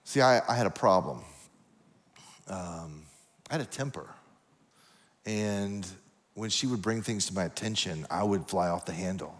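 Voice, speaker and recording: A man's voice: deep voice, measured pace, long pauses. Man preaching a confessional sermon in a reverberant hall. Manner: conversational, confessional storytelling with audience asides. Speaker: pastor.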